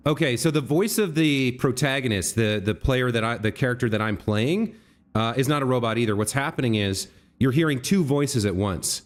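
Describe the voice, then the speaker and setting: Male game streamer, mid-pitched, casual commentary, patient and slightly halting as he explains.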